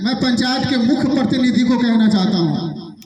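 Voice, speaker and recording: A high-pitched man with a Bihari Hindi accent gives a fiery rally speech outdoors. His voice carries through a loudspeaker and is heard from a distance, with heavy echo. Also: lively intonation, normal speed, slight background noise. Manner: impassioned, recites couplets, challenges officials. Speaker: protest speaker. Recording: very echoey PA sound from afar.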